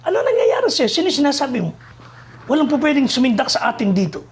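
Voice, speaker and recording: A man's voice: very high-pitched, expressive, fast, a little hiss or hum. A man playing a demanding, impatient master. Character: stern wealthy master, middle-aged man.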